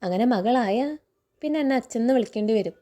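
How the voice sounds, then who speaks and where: A woman's voice: a little high, quick pace, dark tone, lightly acted. A woman voicing a stern, betrayed middle-aged man who questions a young woman reproachfully, quoted in a story recap. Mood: stern, probing.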